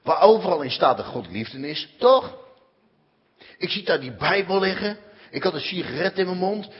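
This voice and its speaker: A man's voice: high-pitched, very animated, normal speed, highs cut off. A man telling his personal testimony as a former prisoner, a dramatic storyteller who keeps breaking in with short exclamations. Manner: dramatic storyteller, peppers speech with "hé".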